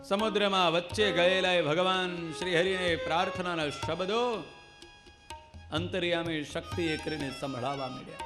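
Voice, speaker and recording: Male storyteller narrating a devotional scripture tale, dramatic, fairly high voice, tabla and devotional music clearly behind. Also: moderate pace. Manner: dramatic storytelling, at times chanted.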